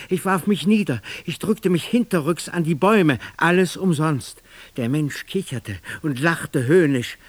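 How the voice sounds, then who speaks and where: A man's voice: fairly high pitch, no echo. A man narrating a literary text aloud in an intense, theatrical first-person dramatic reading.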